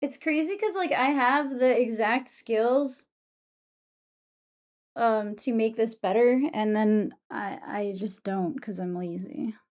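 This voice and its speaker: High-voiced woman streamer with harsh sibilant S's. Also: slow pace, a little mellow. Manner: sweary, self-deprecating. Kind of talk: casual livestream chat with viewers. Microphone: streaming microphone with EQ and compressor. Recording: muffled, dull microphone sound.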